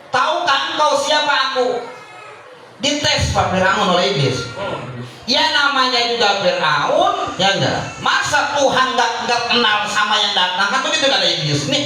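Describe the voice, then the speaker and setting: A male preacher with giving a humorous sermon, chuckling as he tells a story and chanting Arabic phrases slowly, recorded in a large, echoey hall from far off. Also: sits high, sharp tone, slight background noise.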